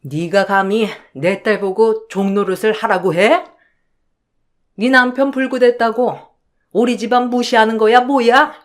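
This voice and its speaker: A woman's voice: a little high, steady tone, unhurried, lightly acted. A woman voicing an older, domineering mother-in-law who scolds and threatens in a radio-drama story. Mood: furious scolding.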